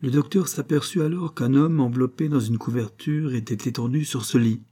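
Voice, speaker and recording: A man narrating an audiobook of a classic tale in a measured, dramatic storytelling manner. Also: mid-range voice, warm tone.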